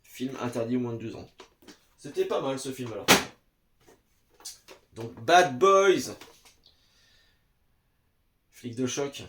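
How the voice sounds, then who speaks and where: A man's voice: medium pitch, fairly even intonation, moderate pace, very noisy. A man chatting casually to the camera at home, hesitant and full of "euh" fillers, talking straight to the viewer. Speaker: vlogger reviewing VHS tapes. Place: home basement. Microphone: camera in front.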